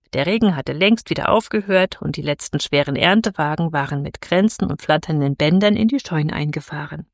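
A woman's voice: fairly low pitch, no room sound. Woman reading a fairy tale, dry sound. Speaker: narrator. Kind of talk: scripted fairy-tale narration.

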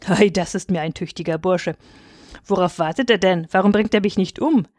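A woman's voice: on the low side, normal speed, darkish tone, no room sound, studio quality, close to an everyday voice. A woman reading aloud, voicing a domineering male estate steward who taunts and mocks. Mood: scornful. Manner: scornful, taunting.

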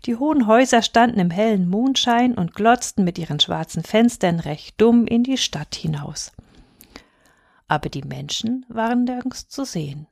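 Woman reading a bedtime fairy tale, calm and expressive, dry close mic. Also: on the high side, moderate pace, creaky, no room sound. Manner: calm, expressive, softening to a hush. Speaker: storyteller.

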